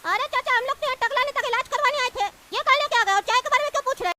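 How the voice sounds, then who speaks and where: A woman voicing a cheeky, fussy young cartoon lad who argues and demands, over loud background noise. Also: extremely high pitch, very fast. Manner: argumentative, demanding, suspicious.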